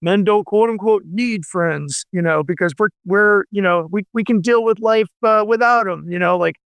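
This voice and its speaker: A man's voice: high voice, moderate pace, a bit bright, smooth, no echo. A man in his forties, a novelist guest on a radio show, talking in a rambling way with many fillers and restarts. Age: 40s. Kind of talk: casual radio interview chat.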